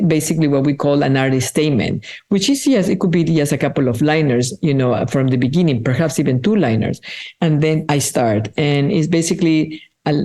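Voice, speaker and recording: In a deep, mellow voice, a woman from Peru, a native Spanish speaker, reflects on her work as an artist in an interview. She speaks earnestly and thoughtfully, frequently easing her pace to choose her words.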